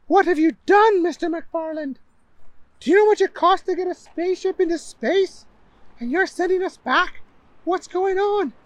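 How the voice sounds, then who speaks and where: Male narrator putting on a high-pitched, bossy lady mission boss; shrill and alarmed. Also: normal speed, dry recording, low-quality recording. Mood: scolding. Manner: shrill, scolding. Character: panicked woman space official, shrill and bossy.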